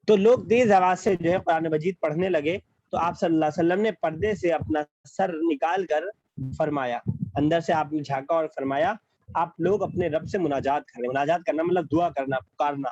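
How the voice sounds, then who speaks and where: A man's voice: a little high, a little mellow, highs cut off. A man teaching an online class, explaining patiently over a video call and repeating key phrases.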